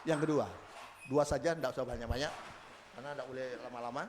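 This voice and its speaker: A man preaching a sermon with a slight lilt, switching between loud proclamations and quiet asides. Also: mid-range voice, steady tone, fast talker, some chatter behind, slight background noise. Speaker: pastor. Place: church service.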